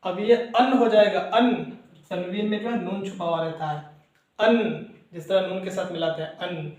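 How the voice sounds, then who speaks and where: A man's voice: sits high, fairly even intonation, normal speed, a little mellow, very echoey, lo-fi sound. A man teaching Quran reading, patiently explaining and repeating syllables one by one for learners. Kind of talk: slow step-by-step recitation lesson.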